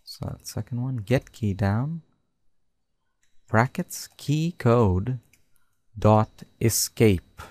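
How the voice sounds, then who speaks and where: A man narrating a screen-recorded coding tutorial, dictating code slowly and step by step. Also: medium pitch, expressive, darkish tone, no echo. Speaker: tutorial host.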